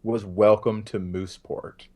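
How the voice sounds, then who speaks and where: A man co-hosting a casual film chat, jokey and animated, laughing often. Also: fairly low pitch, measured pace. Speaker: podcast co-host.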